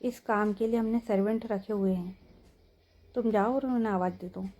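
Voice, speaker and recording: A woman voicing a bossy young woman who scolds and gives orders, speaking louder than her narration. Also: medium pitch, fairly even intonation, normal speed, close to an everyday voice. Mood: commanding. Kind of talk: storytelling role-play.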